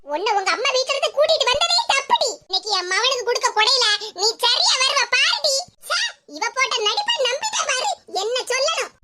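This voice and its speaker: A voice actor playing a scheming older village mother-in-law in a cartoon, gloating and scolding loudly. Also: extremely high pitch, big pitch swings, fairly quick. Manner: gloating and scolding, loud complaints. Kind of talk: cartoon voice acting. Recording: loud background hiss.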